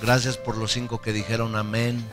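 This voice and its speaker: A man's voice: mid-range voice, monotone, moderate pace, big-room sound, over music. A male pastor preaching a sermon with fervor. He repeats key phrases and leads the congregation in prayer.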